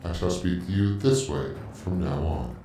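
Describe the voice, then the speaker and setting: A man voicing a calm, menacing male AI home assistant who speaks in a measured, cold way. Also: low-pitched, slight background noise. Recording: heavily echoey, distant voice with faint music.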